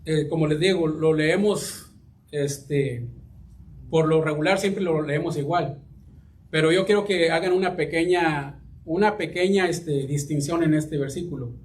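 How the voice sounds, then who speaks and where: A man preaches a sermon with a voice pitched a little high. He reads scripture aloud and often stops to repeat a word as he looks for the next one. He keeps calling the congregation his brothers. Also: a little hiss or hum. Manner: halting, repeats words while searching, addresses congregation as brothers.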